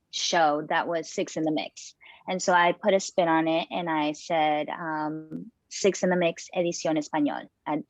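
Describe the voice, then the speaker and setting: A young woman who works as a TV news producer and reporter introduces herself on a panel, taking her time and using lots of fillers and restarts. Her voice sits fairly low, and the recording is dry and dull.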